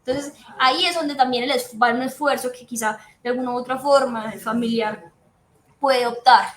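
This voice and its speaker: A woman's voice: high-pitched, steady tone, moderate pace. A woman psychiatrist, giving an earnest, explanatory talk to patients' families and repeating her key points. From Colombia. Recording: echoey room with faint background noise.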